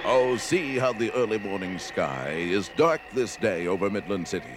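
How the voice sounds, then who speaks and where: A man's voice: fairly low pitch, animated, normal speed, background noise, lightly acted. An actor playing a bombastic announcer, a man narrating a superhero radio serial in a mock-dramatic, melodramatic way. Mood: ominous, grandiose. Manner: grandiose, melodramatic.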